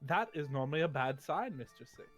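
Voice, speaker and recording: A man's voice: fairly high pitch, animated, a little fast, a bit bright, soft background music. A man playing a tabletop role-playing game, bantering in character in a playful, mock-formal way.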